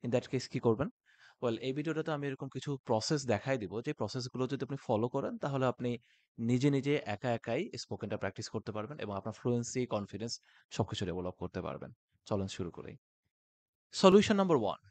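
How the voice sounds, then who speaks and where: A man giving IELTS speaking tips to camera, animated and mixing English phrases into his talk. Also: medium pitch, brisk, dry recording. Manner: animated, switches between Bengali and English phrases. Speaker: IELTS tutor.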